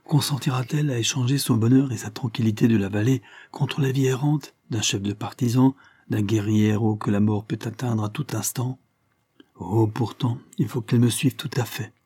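A man's voice: medium pitch, fairly even intonation, normal speed, mellow, breathy edge, no room sound, lightly acted. A man voicing a young male guerrilla leader in an audiobook, speaking with impassioned, pleading intensity. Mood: anguished. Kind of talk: audiobook character reading.

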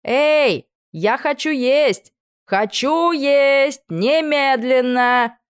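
A woman voicing a spoiled, demanding young princess in an audiobook, shrill and indignant. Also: animated, normal speed, no echo, clean studio sound, close to an everyday voice. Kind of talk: audiobook character voice.

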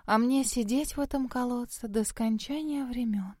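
A woman reading an audiobook voices a weary female ghost trapped in a well, speaking in a soft, sighing murmur. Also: on the high side, normal speed, no room sound, clean studio sound, natural voice.

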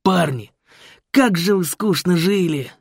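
A man doing a loud, brash biker designer. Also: high voice, slow, vocal fry, breathy edge, dry recording, studio quality, voice pushed up, full character voice. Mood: boisterous. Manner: slangy, bossy and boisterous. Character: brash loud male biker designer Fred, pushy, jovial. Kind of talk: audiobook character voice.

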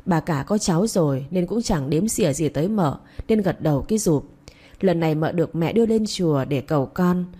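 A woman narrating a romance story in a steady, emotive reading style. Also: sits low, a little fast, husky.

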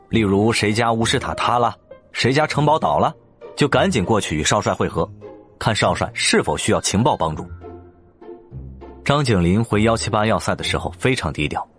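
A man narrating an audiobook in an expressive storytelling manner. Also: fairly low pitch. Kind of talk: scripted narration.

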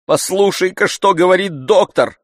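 A man reading an audiobook, voicing an idle, fretful gentleman landowner in exasperated, whining outbursts. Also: medium pitch, measured pace, dry recording, studio quality, long reverb tail, pitched above the performer's own voice.

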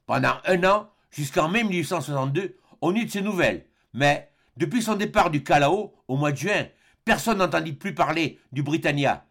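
Gravelly male audiobook narrator. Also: fairly high pitch, fairly bright tone. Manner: measured storytelling with small slips. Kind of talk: reading a classic adventure novel aloud.

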